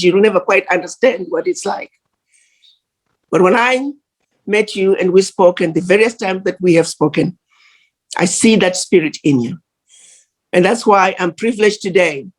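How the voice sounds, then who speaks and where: Woman giving an earnest speech on a video call, kinda husky. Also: mid-range voice. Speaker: conference speaker. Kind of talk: formal address.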